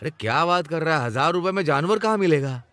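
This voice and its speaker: A man's voice: on the high side, animated, fast, a bit bright, no echo. Wry, teasing village man. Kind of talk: Hindi film dubbing. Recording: film soundtrack with music.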